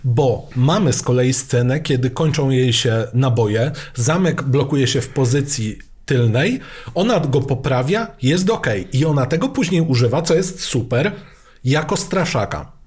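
A man in casual film talk, explaining things in a wry, drawn-out way. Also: mid-range voice, animated, darkish tone, slightly rough.

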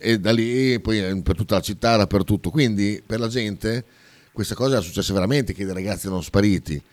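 A man's voice: on the low side, brisk, a little mellow, no room sound. A man with a Bolognese Italian accent co-hosting a radio show in casual, colloquial chat, with swearing and dialect words.

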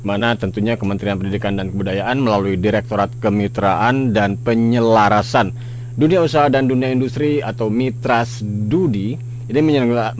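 A man presenting a live radio news bulletin in a halting, hesitant way. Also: fairly low pitch. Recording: radio broadcast with clear hum noise.

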